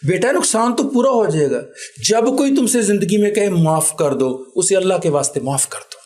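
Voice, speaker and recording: A man voicing his elderly father, a gentle, devout old man giving emotional, earnest advice. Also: fairly high pitch, fairly even intonation, close to an everyday voice. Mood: earnest pleading. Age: older.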